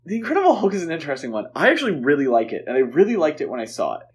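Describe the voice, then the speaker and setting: A podcast co-host talks about films in a casual, conversational, opinionated way. His voice is fairly high, swoops wildly in pitch, and comes out rapid-fire.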